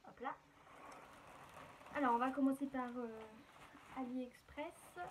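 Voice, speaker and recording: Higher-pitched woman rambling thru a haul, lots of euh, noisy background. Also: fairly even intonation, normal speed. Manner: chatty, filler-heavy, addresses viewers directly. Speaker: beauty haul vlogger. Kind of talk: casual haul vlog.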